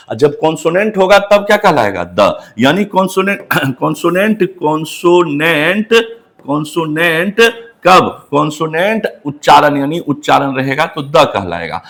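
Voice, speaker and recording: A man's voice: on the high side, fairly bright tone. A middle-aged man from Bihar with a Bihari accent, teaching an English lesson and answering his own questions. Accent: Bihari Hindi. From Bihar, India. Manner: repeats questions back to students and answers them himself. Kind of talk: classroom lecture.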